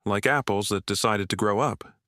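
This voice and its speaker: A man voicing a gentle, folksy neighbor in his seventies. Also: fairly low pitch, moderate pace, dry recording, clean studio sound. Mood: gentle, fond. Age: 70s. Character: older male Vermont neighbor, gentle storyteller.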